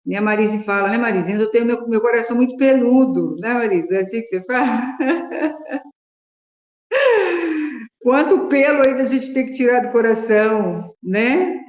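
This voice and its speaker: A woman's voice: on the high side, moderate pace, long pauses. A woman, a catechist, tells a personal story in a group Bible study, talking conversationally and often adding "né?" as she goes. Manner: conversational, frequent tag "né?", retells dialogue. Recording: echoey room.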